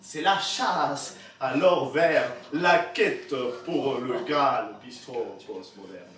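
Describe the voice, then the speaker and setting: A man's voice: mid-range voice, slow, a bit bright. A man performing a comic slam poem on stage with a non-native French accent, teasing the audience. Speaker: slam poet. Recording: echoey hall, from far off.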